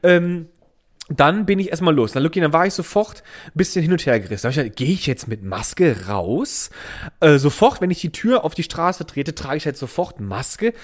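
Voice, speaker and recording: A young man telling a funny story in casual chat, animated and laughing often as he goes. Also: on the high side, moderate pace. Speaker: podcast co-host.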